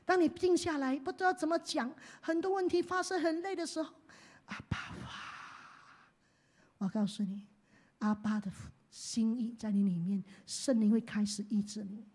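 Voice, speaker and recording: A woman pastor preaching a sermon. She swings from hushed to loud and leads the congregation in call-and-response. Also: high-pitched, a little fast, few pauses.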